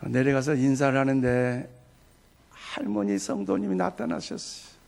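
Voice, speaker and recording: A male pastor preaching a Sunday sermon, telling a story with soft asides and sudden loud, emphatic bursts. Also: medium pitch, animated, moderate pace, vocal fry.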